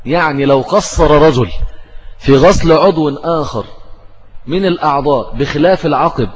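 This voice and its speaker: A man's voice: fairly high pitch, normal speed, husky. Egyptian male religious teacher, lesson delivery, muffled recording with long hall reverb. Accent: Egyptian Arabic. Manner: asks and answers his own questions. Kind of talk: religious lesson explaining hadith.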